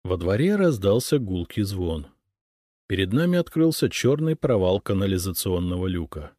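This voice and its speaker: Brief: male audiobook narrator, low voice, lively intonation, dry close sound. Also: moderate pace, no echo. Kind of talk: first-person audiobook narration.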